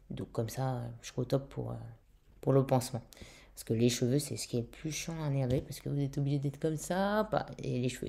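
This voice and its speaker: A young woman talks casually to her viewers in a very low, dark, mellow voice. She chats loosely, swears now and then and fills gaps with lots of "euh". Her throat is still a touch weak. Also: creaky. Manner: chatty, swears casually, many fillers. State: throat slightly weak after intubation. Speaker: vlogger. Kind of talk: casual vlog chat.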